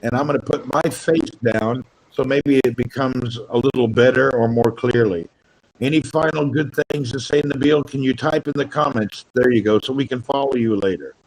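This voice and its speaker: A man's voice: medium pitch, moderate pace, a little mellow, poor audio. A man hosting a casual livestream chat, joking with guests and calling on them one by one. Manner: jokey, calls on guests one by one. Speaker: livestream host.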